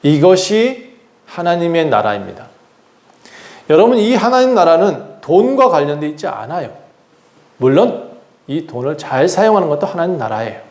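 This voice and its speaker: A man's voice: fairly high pitch, very animated, moderate pace, a little mellow, reverberant. A man preaching a sermon as pastor of his church, earnest, acting out the voices of people he quotes. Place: church sanctuary.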